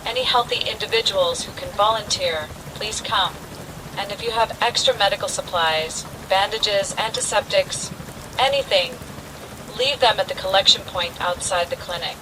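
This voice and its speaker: A woman's voice: mid-range voice, normal speed, close to an everyday voice. Woman acting an earnest post-apocalyptic radio voice, noisy. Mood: earnest, urgent. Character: earnest female community leader appealing to survivors by radio.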